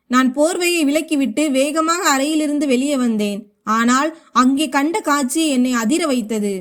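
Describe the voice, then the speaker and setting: A woman reading a first-person drama story aloud in steady scripted narration. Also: high voice.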